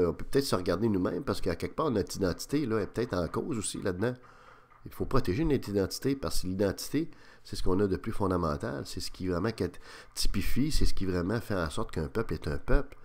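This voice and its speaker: Man, Quebec French accent, very low voice, radio commentary, halting with lots of fillers. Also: darkish tone. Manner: hesitant, many fillers and restarts, grows emphatic. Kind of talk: opinion monologue on radio.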